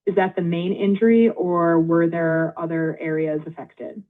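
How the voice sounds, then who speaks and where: A woman's voice: on the low side, little pitch movement. Automated phone-line woman's voice, tinny. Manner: polite, measured, reads back details. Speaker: AI phone intake agent. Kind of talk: scripted automated phone prompts.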